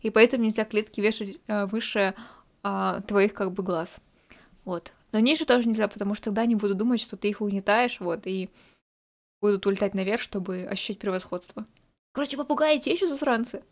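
A woman streamer giving casual reaction commentary with a cute, expressive anime-streamer delivery. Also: medium pitch, brisk.

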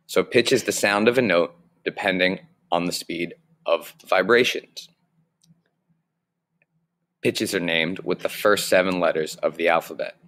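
A young man with a low voice teaches music basics slowly and clearly in a recorded online lesson. He records from a small room on his webcam mic, and his sound is a bit bright.

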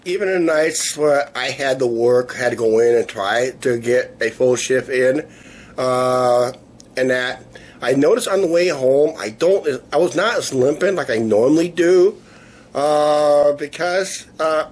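A man in his fifties chatting casually to camera in a rambling, halting way, his voice weak and sore after illness. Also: fairly high pitch. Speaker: vlogger. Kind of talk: casual video diary chat. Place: small living room, indoors. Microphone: camera at arm's length. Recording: noisy room ambience on camera mic.

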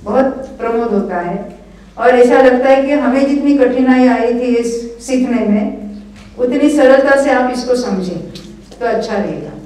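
Picked up from a distance in an echoing hall with slight background noise, an older woman with a high, warm voice lectures at a religious study camp. As a scripture teacher, she's earnest and encouraging, regularly checking in with her audience.

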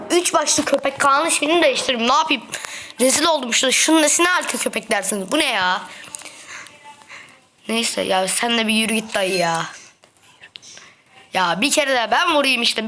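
A young woman playing a mobile game and giving excitable, trash-talking commentary, playfully complaining as she goes. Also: high-pitched. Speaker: gaming video host. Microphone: phone.

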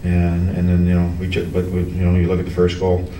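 A middle-aged man, a hockey coach, fields questions after a game in a very low voice that barely rises or falls. He stops and restarts his sentences and fills the gaps with "uh" and "you know". The sound is roomy and distant, with steady noise behind it. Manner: halting, many restarts and fillers. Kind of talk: post-game press conference. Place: press room in front of a team backdrop. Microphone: table mic on a stand, heard from a camera farther off. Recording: echoey room, distant camera, background noise.

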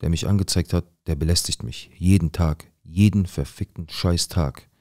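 A young man acting out a rough-talking, paranoid drug dealer who tells his own story in a dramatic monologue full of slang and swearing. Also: sits low, normal speed, darkish tone, no echo, studio quality. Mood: tense. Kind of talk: dramatic first-person monologue.

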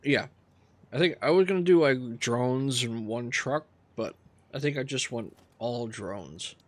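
A man casually talking through his gameplay, relaxed and rambling as he thinks aloud. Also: medium pitch, measured pace, no echo. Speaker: gaming channel host.

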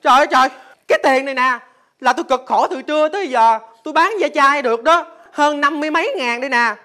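A woman's voice: high-pitched, fast talker, fairly bright tone. A woman with a Southern Vietnamese accent playing a cocky, boastful young sibling, retorting with mock exasperation. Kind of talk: rural family TV drama.

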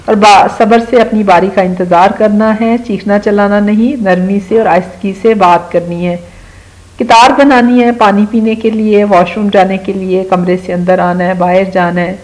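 Woman teacher for a children's lesson, patient, repeats words slowly, mid-pitched. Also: fairly even intonation, a little mellow, poor audio. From Pakistan.

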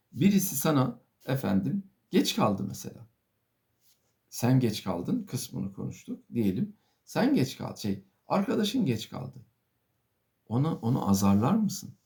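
A middle-aged man, a professor, giving a monologue lecture to viewers, firing off rhetorical questions, calling them dear friends and filling pauses with a formal "sir". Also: medium pitch, dark tone. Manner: asks many rhetorical questions and addresses listeners as dear friends; fills pauses with a formal "efendim". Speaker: professor giving a video talk.

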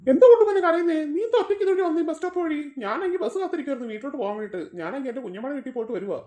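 A woman's voice: expressive, very fast, warm tone, reverberant. A woman playing a fussy, worried village auntie in a home-made family skit, firing off scolding questions. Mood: fussing. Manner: shrill, fussing, scolding questions.

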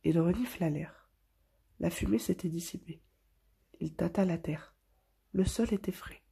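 A woman reading a picture book aloud to children in a soft, hushed storytelling voice. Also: on the low side, measured pace, creaky, slightly rough.

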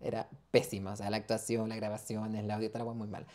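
A young Chilean man in his twenties chats as a podcast guest, rambling in a loose, slangy way full of fillers. His voice sits low and sounds mellow. He is close on a lapel mic in a small room. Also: little pitch movement, fast talker. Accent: Chilean Spanish. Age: 20s. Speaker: podcast guest, dental student. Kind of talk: casual interview chat. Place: small studio room, seated in armchair.

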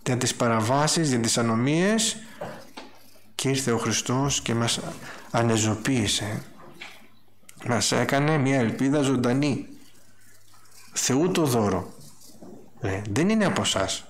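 Male preacher, mid-pitched, animated storyteller who acts out dialogue in the sermon. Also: long pauses, slight background noise.

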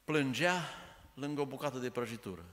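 A man's voice: medium pitch, fairly bright tone. Emphatic male preacher in echoey church. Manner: emphatic, rhetorical questions. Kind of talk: sermon. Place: church sanctuary.

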